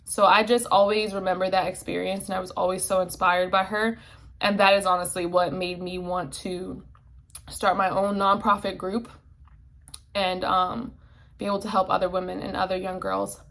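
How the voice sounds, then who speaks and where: A woman's voice: lowish voice, fairly even intonation, normal speed, fairly bright tone. Candid young woman vlogging. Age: 20s. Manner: candid, heavy filler words and swearing. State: emotional, tearful at times. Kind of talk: casual Q&A vlog talk.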